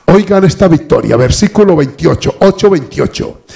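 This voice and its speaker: A man's voice: a little high, moderate pace, gravelly. An older man, preaching a sermon as pastor and acting out the dialogue of people in his stories. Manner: preaching with lively acted-out dialogue.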